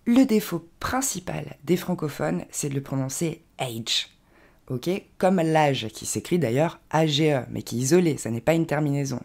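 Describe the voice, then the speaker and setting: A woman with a low, slightly gravelly voice leads an English pronunciation lesson in French. Her intonation rises and falls a lot as she explains. She slows right down to demonstrate each word with care. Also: animated, darkish tone. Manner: clear, patient instruction with slow, careful demonstration of English words.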